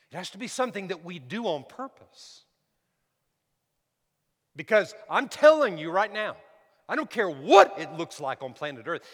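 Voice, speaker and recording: Bright-voiced man in his sixties preaching. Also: sits high. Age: 60s. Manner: swings from loud, preaching emphasis to soft, near-whispered asides; repeats words and asks the crowd for amens. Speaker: pastor. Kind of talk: sermon. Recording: long hall reverb.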